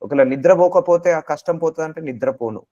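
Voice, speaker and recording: A man's voice: fairly high pitch, a little fast, warm tone, highs cut off. A man preaching a sermon, exhorting listeners with repeated phrases and English mixed in.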